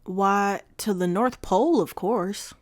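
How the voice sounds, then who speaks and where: A woman's voice: medium pitch, takes it slowly, no room sound, clean studio sound, lightly acted. A woman reading as a courteous train conductor. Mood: calm, courteous. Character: kindly male train conductor, calm and formal.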